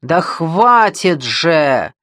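A man playing a bitter, short-tempered man who shouts in anger. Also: a little high, animated, unhurried, no echo, clean studio sound. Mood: angry. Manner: loud, shouting, gruff.

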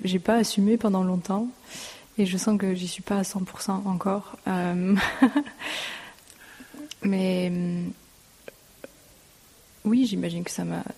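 A woman musician with a Gers accent from southwest France, answering interview questions in a halting, hesitant way. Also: mid-range voice, dark tone, big-room sound. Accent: southern French, Gers. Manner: hesitant, halting, many fillers.

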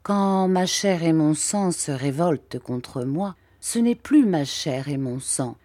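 A woman reading a stern, tyrannical male schoolmaster in a slow, lowered, menacing delivery. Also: expressive, mellow, no room sound, exaggerated voice.

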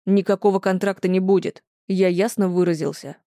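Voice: mid-range voice, fairly even intonation, fairly quick, dark tone, no room sound, studio quality, lightly acted. Narrator voicing Ashton, curt commanding fiancé. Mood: cold. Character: stern, controlling young man, the fiancé. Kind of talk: audiobook role voicing.

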